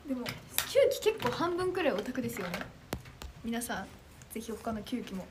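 Light background hiss accompanies a teenage idol trainee streamer from Chiba, Japan. In her high voice she bubbles through the comments at a quick, animated pace, laughing at her own expense along the way.

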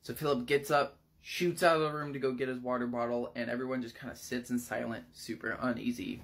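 A podcast host retelling a horror novel in a loose, casual way. The delivery is animated, with dramatic pauses and rising excitement as the story builds. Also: mid-range voice, creaky.

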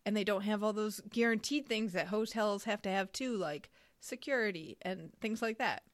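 Casting: brisk, chatty woman podcast host, mid-pitched, dry close mic. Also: no room sound. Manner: brisk, chatty, laughs easily. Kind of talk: casual podcast chat.

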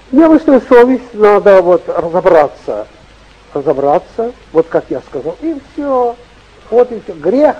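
A man's voice: sits high, mellow, husky, dull audio. An older man, a bishop, preaching in a rambling, repetitive folksy way, heard on an old dictaphone tape recording. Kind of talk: sermon.

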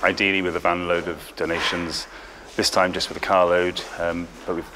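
A man in his forties from England, a volunteer explaining his work calmly in a large warehouse. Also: low voice, normal speed, slight background noise. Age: 40s. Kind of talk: interview.

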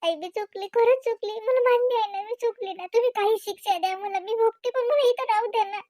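A woman's voice: very high voice, fairly even intonation, measured pace. A woman voicing a remorseful young married woman who pleads and apologizes, with a Varhadi Marathi accent, in a cartoon. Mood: pleading. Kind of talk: cartoon voice acting.

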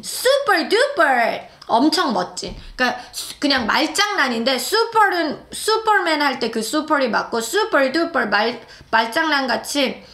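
A bright, high-voiced woman leads a live English lesson for mothers, stretching out each drill word slowly and then chatting quickly and playfully in between. Her tone stays clear and forward. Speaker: English teacher for moms.

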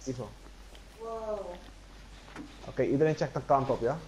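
A man's voice: mid-range voice, big pitch swings, normal speed, a little mellow, a little hiss or hum, low-quality recording. A man chatting with his team while gaming, repeating short urgent callouts. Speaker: gamer.

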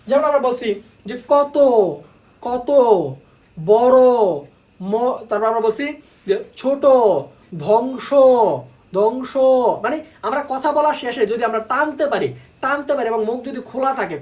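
A woman's voice: on the high side, reverberant, far from the mic. A woman teaching an online class, repeating key words and asking students questions.

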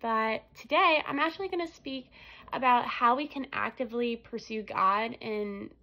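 A young woman speaks earnestly into her phone in a small room, sharing a casual devotional talk with plenty of ums. Her voice sits fairly high with a gravelly, fry-laden edge. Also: moderate pace, bright, forceful tone, poor audio. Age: young adult. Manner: earnest, conversational, frequent ums. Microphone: phone camera at arm's length.

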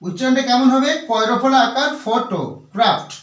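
A man with a strikingly high voice teaches a vocabulary lesson, repeating each word and breaking it into letters and syllables. He sounds set back from the microphone in an echoing room. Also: a bit bright, recorded from a distance. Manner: slow, repetitive, spelling words out letter by letter. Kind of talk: Bengali-language English vocabulary lesson.

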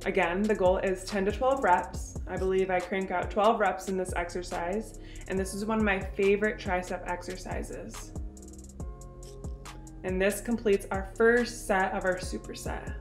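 A bubbly young woman in her twenties talks through her gym plan like a friend, recorded on a phone held at arm's length. Her pitch sits mid-range and her delivery is chatty and upbeat. Soft music plays faintly underneath. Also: fairly even intonation, unhurried, roomy sound. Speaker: fitness vlogger. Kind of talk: upbeat workout vlog and exercise instruction. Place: home, then car, then voice-over on gym clips. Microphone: phone camera at arm's length.

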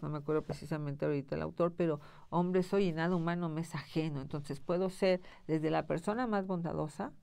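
A woman teaching a live broadcast class on handling emotions. She talks conversationally, often filling pauses with "este" and checking in with "¿sí?". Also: fairly low pitch, gravelly, warm tone, no echo. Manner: conversational, frequent "este" fillers and "¿sí?" check-ins. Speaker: thanatology instructor.

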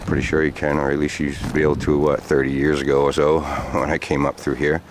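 Man in his forties, very deep voice, rambling casual storytelling, outdoors, handheld camera mic, faint noise. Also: flat delivery, quick pace. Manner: rambling, loose with many fillers. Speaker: vlogger. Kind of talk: walking storytelling vlog. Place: outdoors on sandy trails by woods.

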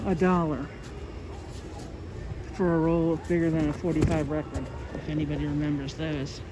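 A shopper gives a casual store tour video, speaking at a moderate pace in a low, level voice muffled by her face mask. She's chatty and apologetic, walking around a large store filming on her phone amid the store's noise.

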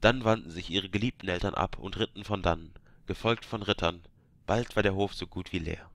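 A man's voice: low voice, fairly quick, a bit bright. A man reading a fantasy game book aloud, breaking off now and then to joke with listeners. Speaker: reader of game books. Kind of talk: reading aloud with joking asides.

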